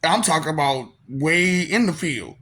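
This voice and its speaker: This vlogger, a man in his thirties, has a soft, polite-sounding voice a bit higher than most men's. Animated but a little slow, he tells a personal story in a laid-back, slangy monologue, circling back with fillers and laughing along the way.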